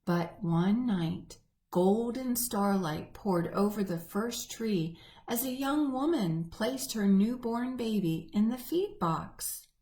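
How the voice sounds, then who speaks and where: A woman reading a picture book aloud to children, gently and expressively. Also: medium pitch, expressive, slow. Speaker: church children's storyteller.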